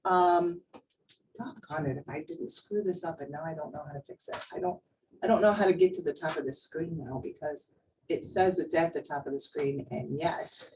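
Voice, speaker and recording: Here a woman with a low, darkish voice speaks at a normal speed while running a relaxed workplace class. Conversational yet emphatic, she asks the group questions, checks in with them, and repeats words to make points stick. The audio is distant, with faint noise in the background.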